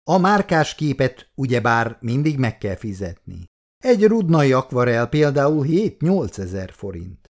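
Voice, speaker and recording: A man voicing Kuti, a smooth-talking male painter who flatters his buyers and speaks with a pompous air. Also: medium pitch, pitched above the performer's own voice.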